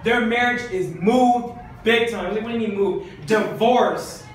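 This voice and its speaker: A man with a high voice preaches a sermon, driving his points home by repeating them again and again. He sounds distant from the microphone in a very echoey church hall, with faint background noise. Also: unhurried, soft background music. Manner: impassioned, repetitive exhortation.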